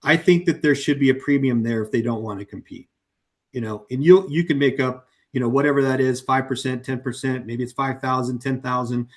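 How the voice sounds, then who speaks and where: This is a man's medium-pitched voice, slightly hoarse from talking at length, as he presents a webinar in his role as co-founder. He walks casually and slowly through a software demo, chatting along and dropping in ums and you-knows.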